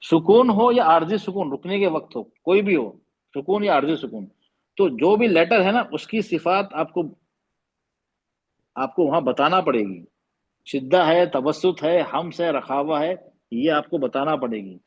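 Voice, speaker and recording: A man's voice: a little high, expressive, normal speed, husky, lo-fi sound. A man teaching Quran recitation over a video call, explaining patiently, repeating terms and demonstrating the sounds. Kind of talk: online class lesson.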